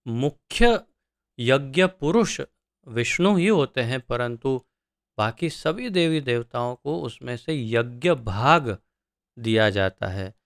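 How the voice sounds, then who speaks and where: A middle-aged man gives a verse-by-verse scripture lesson. His voice is smooth and resonant, and he moves at a very slow, deliberate pace. He chants each line, then unpacks it word by word with unhurried pauses. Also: mid-range voice, expressive, no room sound, clean studio sound. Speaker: scripture teacher.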